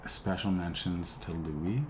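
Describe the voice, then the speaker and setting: A man's voice: sits low, slow pace, noisy background. A man co-hosting a casual chat, rambling with lots of filler words. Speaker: co-host, groom.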